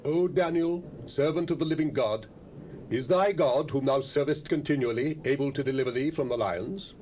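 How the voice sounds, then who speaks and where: A man's voice: mid-range voice, normal speed, a little mellow, slight background noise, close to an everyday voice. An actor playing an ancient Persian king, speaking in formal, solemn scripture language in a 1970s dramatized audio drama. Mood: pleading.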